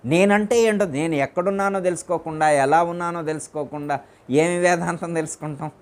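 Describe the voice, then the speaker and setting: A man's voice: fairly high pitch, steady tone, fairly quick. A man as spiritual teacher giving a discourse in a private home, repeating his phrases and putting questions to his listeners.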